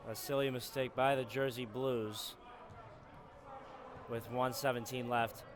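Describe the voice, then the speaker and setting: A man calling live college basketball play-by-play from an arena skybox, breaking into shouts on big plays. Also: medium pitch, steady tone, measured pace. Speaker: play-by-play commentator. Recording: noisy arena broadcast.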